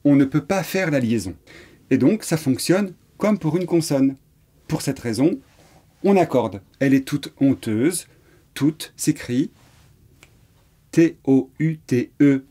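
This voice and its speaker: A man from France gives a French lesson at an unhurried, deliberate pace. His voice is mellow and slightly husky, and he patiently repeats each example and spells words out letter by letter. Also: fairly high pitch, lively intonation. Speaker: French teacher. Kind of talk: slow explanatory lesson.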